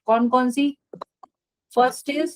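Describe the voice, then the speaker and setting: Woman teacher doing a live bio class online, kinda high voice, keeps asking the kids if they got it. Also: fairly even intonation, very slow. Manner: repetitive, checks in with students often. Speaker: biology teacher.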